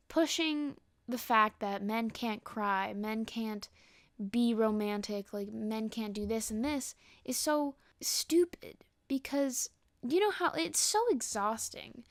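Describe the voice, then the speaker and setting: A young woman hosts a solo podcast, ranting frankly and casually about her opinions. Her voice sits a bit high and she slips into little acted-out quotes as she goes. The sound is dry and close, with no room echo. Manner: frank, animated, quick asides with acted quotes. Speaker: podcast host.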